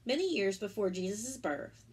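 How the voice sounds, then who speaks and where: In a mid-range, husky voice with a darkish tone, a woman reads a children's religious picture book in animated fashion. Like a story-time teacher, she breaks off for easy explanatory asides to the young listeners.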